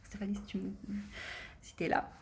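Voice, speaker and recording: A young woman chatting to camera at home as a book vlogger, enthusiastic and talkative, often dropping to a soft half-whisper. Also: normal speed. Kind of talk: casual chat to camera. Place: at home with her cat.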